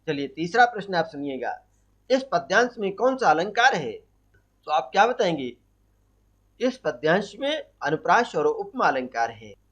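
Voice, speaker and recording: A man's voice: high voice, big pitch swings, fairly bright tone. A man teaching a Hindi poetry lesson for exam prep, quizzing students and answering his own questions. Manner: asks questions and answers them himself; recites verse slowly. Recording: dull lo-fi audio.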